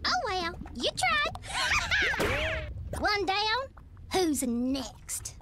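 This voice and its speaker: Very high, brash little girl. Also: wildly swooping pitch, extremely slow, very noisy, heavily acted. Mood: gleeful scheming. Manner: folksy, sly, gloating. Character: scheming, brash country little girl, gleefully mean. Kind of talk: cartoon voice acting. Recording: loud music behind the voice.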